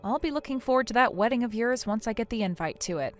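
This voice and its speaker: A woman's voice: fairly high pitch, animated, fast talker, soft background music, close to an everyday voice. A woman playing a weary, sarcastic younger sister in a scripted audio story, speaking in a dry, curt, guarded way.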